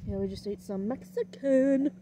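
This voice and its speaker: A woman's voice: a little high, moderate pace. A woman in casual, unscripted conversation outdoors. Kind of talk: casual chat. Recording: noisy outdoors with traffic.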